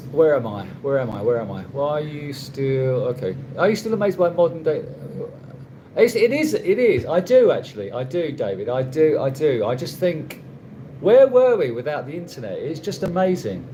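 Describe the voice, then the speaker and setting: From a condo room, a vlogger answers live chat questions on a casual live stream, rambling, halting and restarting with many fillers and a dry, wry humor. His voice sits slightly high for a man, warm and sing-song, over a faint background hum.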